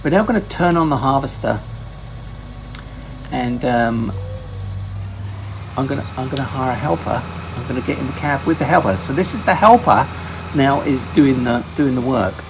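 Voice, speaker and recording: Man, gravelly voice, mid-pitched, rambling gameplay commentary, self-correcting, faint game engine hum behind. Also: animated, normal speed, long pauses. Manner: rambling, often corrects himself mid-sentence. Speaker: gaming channel host.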